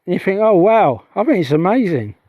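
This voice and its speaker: Over phone-quality sound with no echo, a middle-aged UFO investigator vlogger livestreams from outdoors on a heath. His high-sitting voice swings widely in pitch at a moderate pace, and he rambles chattily, interrupting himself and restarting as he goes.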